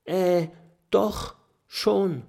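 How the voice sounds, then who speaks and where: A man's voice: a little high, lively intonation, takes it slowly, creaky, pitched above the performer's own voice, full character voice. A man voicing a small, timid young fire dragon who stammers nervously in a children's story.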